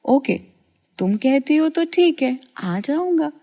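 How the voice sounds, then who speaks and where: A woman's voice: high-pitched, sing-song, slow, dark tone, voice pushed up, heavily acted. A woman voicing a young male college student who talks in a casual, slightly surprised way.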